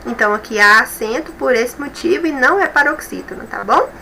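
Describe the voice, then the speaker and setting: A Brazilian woman teacher with a Brazilian Portuguese accent, explaining rules slowly and stepwise in a recorded school review lesson, often checking in with her students. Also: on the high side, animated, gravelly, pushed and bright, a little hiss or hum, rough recording. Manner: slow, explanatory, repeats rules and checks with "tá bom?".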